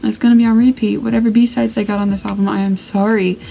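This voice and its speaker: A young woman talks excitedly to her viewers in a music reaction vlog, her voice in a middle register. She gushes and rambles breathlessly and leans on fillers. A faint hum sits behind her. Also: medium pitch, fast talker, vocal fry, rough recording. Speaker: reaction video host.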